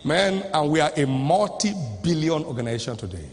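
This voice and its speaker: A man preaching a sermon at a convention, emphatic and repeating lines as he rises to shouts. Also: on the high side, big pitch swings, normal speed, faint music behind. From Nigeria. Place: large convention hall. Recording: reverberant live hall recording.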